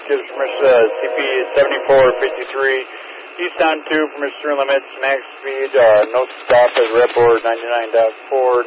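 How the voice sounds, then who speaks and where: A man on a train crew, heard over a two-way radio, reading back orders in clipped radio protocol and ending turns with "over.". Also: mid-range voice. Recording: lo-fi radio with loud static.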